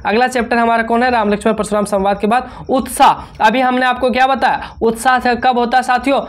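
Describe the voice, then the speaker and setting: A woman's voice: a little high, steady tone, fairly quick. A woman teacher, running an exam revision lesson. She keeps asking questions and answering them herself, repeating the key points. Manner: repetitive, asks and answers own questions.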